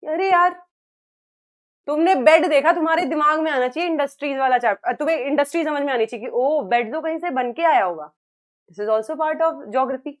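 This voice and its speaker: Young woman teacher, high voice, earnest and coaxing, class lecture. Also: normal speed. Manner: earnest, coaxing, mixes Hindi and English.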